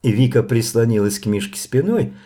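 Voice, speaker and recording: A man reading a novel aloud as narrator in a measured, even storytelling manner. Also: mid-range voice.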